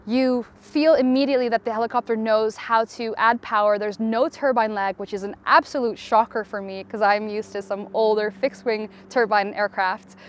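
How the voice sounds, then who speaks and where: Woman pilot from Tanzania, smooth clear voice, eager testimonial delivery with small restarts. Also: on the high side, fairly even intonation, normal speed, hardly any pauses. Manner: enthusiastic, with a few fillers and restarts. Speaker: helicopter pilot. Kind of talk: promotional testimonial.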